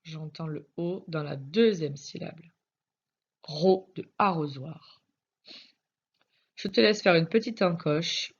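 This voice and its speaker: A low-pitched woman's voice with a breathy edge leads a recorded reading lesson for young children. As a primary school teacher, she spells out each letter carefully, and the recording is dull and lo-fi.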